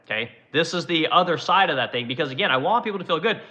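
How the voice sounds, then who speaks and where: A man's voice: fairly high pitch, expressive, fast, pushed and bright. A man in his forties who runs a woodworking business, chatting casually on a livestream and answering viewers in a blunt, profane, rambling way. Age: 40s. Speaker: woodworking business owner answering live chat.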